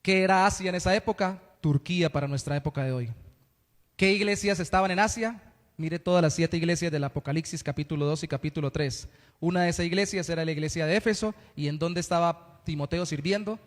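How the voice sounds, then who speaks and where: Man pastor, high voice, church reverb; earnest sermon with playful asides. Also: a little fast. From Colombia. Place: church hall.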